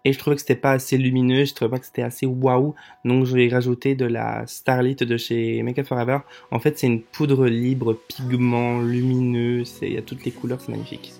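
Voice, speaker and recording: A man's voice: mid-range voice, flat delivery, fairly quick, vocal fry, few pauses, darkish tone. A man chatting through a makeup tutorial as a voice-over, tired and often tripping over his words and correcting himself. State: tired late at night. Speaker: makeup vlogger.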